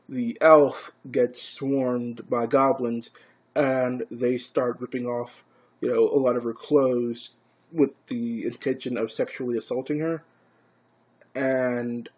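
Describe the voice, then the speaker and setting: A man casually recapping and reviewing an anime episode, swearing freely and growing excited. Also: mid-range voice, slightly rough. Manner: casual, profane, grows excited.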